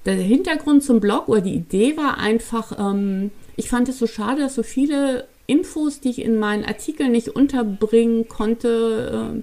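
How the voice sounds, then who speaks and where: A woman from Hamburg with a Hamburg German accent, a travel journalist answering interview questions thoughtfully, with frequent filler pauses. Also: medium pitch, creaky, warm tone. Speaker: guest, travel journalist and author.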